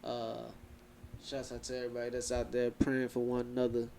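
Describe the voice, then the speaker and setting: A young man co-hosting a podcast, chatting casually in animated slang and talking over his co-host. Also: medium pitch, brisk, a little hiss or hum. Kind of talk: casual chat.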